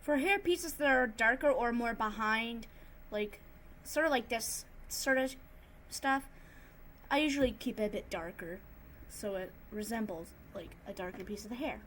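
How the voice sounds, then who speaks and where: A woman narrating an improvised tutorial in a casual, subdued and somewhat monotone way. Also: on the high side, moderate pace. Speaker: tutorial host, digital artist.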